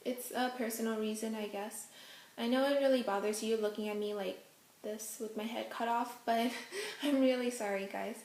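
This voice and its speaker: In a roomy-sounding space at home, a young woman whose first language is Hokkien runs a casual Q&A vlog off camera. Her fairly high, darkish voice stays steady at a moderate pace, broken up by lots of ums and giggly asides.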